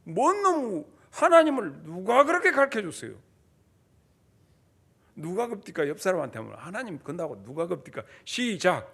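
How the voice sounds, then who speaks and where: A middle-aged man preaching a lively, folksy sermon as pastor, leading his congregation and acting out short everyday voices. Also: sits high, vocal fry, husky. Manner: folksy, acts out quick voices of fathers and teachers, leads congregation responses.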